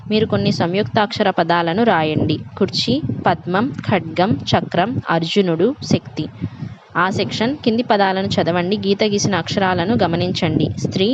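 A woman teacher reading out workbook answers, dictating words slowly and carefully to young pupils. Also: medium pitch. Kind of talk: reading out and explaining a school workbook. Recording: dull lo-fi recording with clear background noise.

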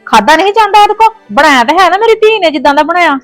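Acting in a family drama, a woman plays a worried, fiercely protective mother on the phone with a Punjabi accent, soothing her daughter and indignantly scolding the in-laws. Her very high voice is expressive and rapid-fire, with no room sound and soft music in the background.

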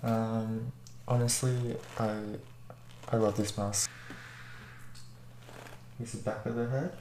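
A man speaks from behind a face mask, his delivery slow and hesitant, full of small pauses and restarts. His pitch stays flat with little rise or fall. A faint hiss of noise sits under the recording. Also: gravelly, poor audio. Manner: hesitant, many ums and restarts. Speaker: mask reviewer. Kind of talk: casual product review.

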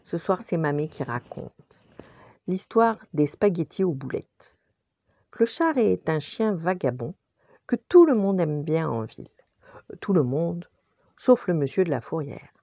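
An older woman, a grandmother, gently and expressively telling a bedtime story. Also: on the low side, no echo, dull audio.

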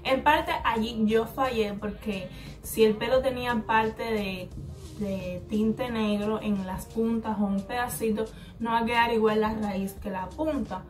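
A woman's voice: on the high side, steady tone, measured pace. Chatty Cuban woman telling a story. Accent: Cuban Spanish. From Cuba. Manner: chatty, rambling, acts out the other person's replies. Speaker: hair vlogger. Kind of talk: casual storytime vlog. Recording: slightly distant mic with faint background music.

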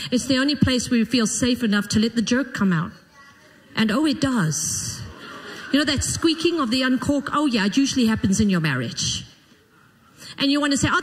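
A woman preaching a sermon to a congregation, expressive and animated, telling stories from her own life. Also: fairly high pitch, long reverb tail.

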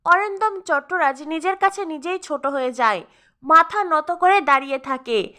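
A woman giving a steady, matter-of-fact scripted narration of a TV episode recap. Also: sits high, normal speed.

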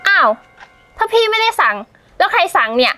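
A very high, swooping young woman's voice, playing a snobbish site office worker in a short drama. She speaks with scornful, scolding airs over clear background music. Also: very animated, fairly quick. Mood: puzzled. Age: young adult. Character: haughty, sneering young female construction-site office worker. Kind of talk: acted melodrama dialogue. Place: outdoors at a building site. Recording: music under the voice.

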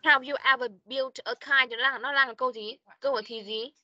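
Bright high-voiced woman teaching English. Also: steady tone. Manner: quick, switches between coaching and correcting. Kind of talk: online English lesson. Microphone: video call. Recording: dull online meeting audio.

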